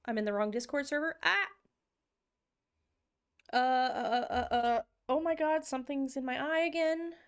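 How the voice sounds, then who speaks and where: A woman's voice: sits high, fairly even intonation, fairly quick, hardly any pauses, clear, resonant tone. A young woman streaming a game, chatting casually with viewers in a bubbly, chatty way and laughing often. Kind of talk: casual live-stream chat.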